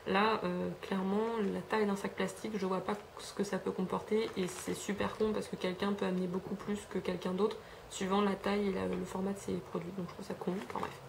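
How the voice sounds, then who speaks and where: A woman's voice: mid-range voice, level tone, a little fast, gravelly, noisy background. A young French woman rambling casually through a beauty haul, chatty with lots of fillers and self-corrections, filmed at home on a camera mic. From France. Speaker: beauty vlogger. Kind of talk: casual haul review chat.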